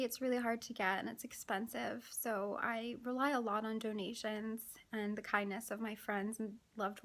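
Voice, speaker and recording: Tired woman vlogger, slightly high voice, gravelly fry, halting, often short of breath. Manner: weary, halting, many fillers and sighs. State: exhausted and out of breath. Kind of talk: casual chatty vlog.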